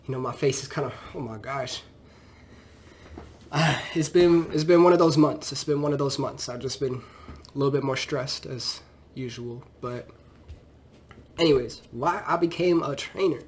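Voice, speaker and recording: In a fitness vlog, a trainer in his twenties rambles casually with a stuffy nose from a cold, leaning on loose fillers like "you know." His mid-range voice moves at normal speed with frequent pauses, and a little hiss or hum is audible.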